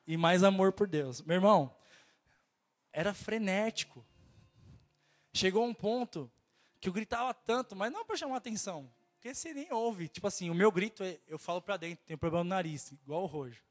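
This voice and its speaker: A man with a Brazilian Portuguese accent delivers an impassioned sermon, his voice noticeably nasal and pitched high for a man. He exhorts the congregation again and again, speaking with urgent fervor. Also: lively intonation, fairly quick. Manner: fervent, exhorting, keeps repeating "my brother". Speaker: preacher.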